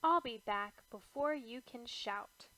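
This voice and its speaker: A woman plays an eager young boy cat from a children's storybook. The voice is fairly high and takes its time, with the earnestness of a devoted little friend. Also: slow pace, sharp tone. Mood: coaxing. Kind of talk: children's storybook read-aloud.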